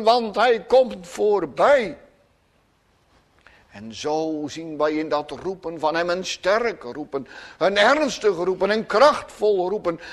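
Slow, high-voiced male preacher. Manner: solemn and emphatic, with many repetitions. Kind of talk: sermon.

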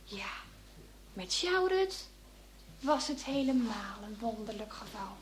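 Woman doing a gentle pious father. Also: on the high side, big pitch swings, takes it slowly, background noise. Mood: tender. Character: gentle pious middle-aged father, tender.

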